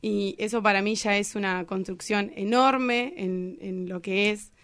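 A cumbia band singer from Chubut, Argentina, chats informally and jokingly as a guest in a casual interview, speaking with an Argentine accent. Her mid-range voice is steady, fairly bright, and a little slow, with no echo.

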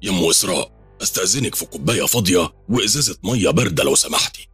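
A man voicing a calm, polite older imam with an Egyptian accent. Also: low-pitched, very fast, slightly rough, dry recording, faint music behind, full character voice. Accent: Egyptian Arabic.

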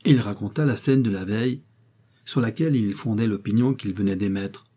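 A man reading a classic novel aloud as an audiobook narrator, in a measured, expressive way. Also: lowish voice, husky.

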